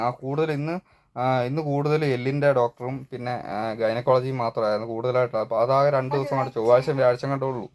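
A man's voice: mid-range voice, slight background noise. A man talking casually to his vlog viewers at home, rambling and searching for words as he goes. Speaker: family vlogger. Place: at home, partly outdoors.

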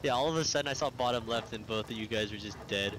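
A man in casual voice chat during a team game, talking in a loose, relaxed way. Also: medium pitch, fast talker, noisy background. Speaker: gamer on voice chat.

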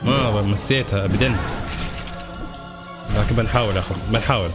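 A young man giving let's-play commentary, talking straight to his viewers and shouting and repeating himself in tense moments. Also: fairly low pitch, quick pace. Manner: excitable, talks to viewers as "brothers", yells and repeats himself under pressure. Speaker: gaming channel host. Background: game music.

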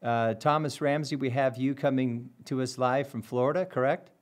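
A man's voice: medium pitch, normal speed. A middle-aged man hosting a podcast, greeting guests and steering the conversation with friendly questions. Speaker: podcast host. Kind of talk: podcast interview. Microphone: headset with podcast mic.

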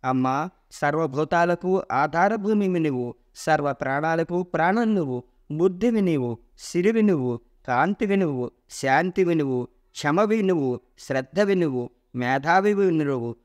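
Personified holy scriptures in a myth retelling, reciting praise in a devotional, chant-like rhythm, as a male reader voices them. The voice sits a little high and stays reverent. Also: expressive, moderate pace, natural voice.

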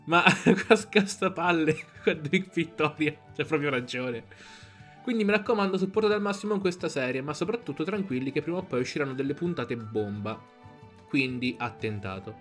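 A young adult man giving casual reaction commentary on a headset mic. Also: on the high side. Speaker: reaction video creator. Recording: video audio and music behind.

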